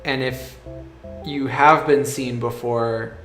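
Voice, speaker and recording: A man working as game master, narrating a tabletop game casually and haltingly as he thinks aloud. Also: medium pitch, fairly even intonation, fairly bright tone. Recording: echoey room, faint music behind.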